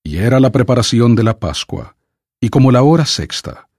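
A man reading scripture aloud for an audiobook in a measured, solemn way. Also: medium pitch, expressive, darkish tone, husky, no echo, studio quality. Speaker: scripture reader.

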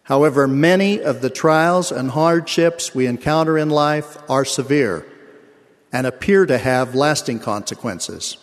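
An older man giving a sermon, telling a personal story in a measured, earnest way. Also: medium pitch, in a large hall. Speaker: church speaker.

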